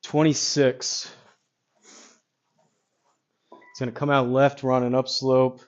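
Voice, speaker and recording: A man giving casual golf simulator commentary, rambling as he thinks out loud. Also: mid-range voice, flat delivery, slow pace, highs cut off.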